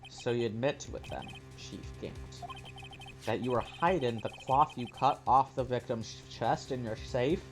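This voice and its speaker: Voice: medium pitch, moderate pace, over music, natural voice. A person voicing an earnest, incredulous young male defence lawyer in a video game. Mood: pressing, suspicious.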